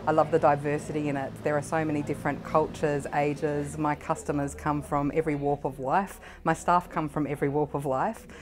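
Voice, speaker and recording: A woman's voice: low-pitched, level tone, fairly quick, few pauses, crowd noise. A woman, a local business owner, speaking enthusiastically in a street interview. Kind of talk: vox pop interview. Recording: clear music behind the voice.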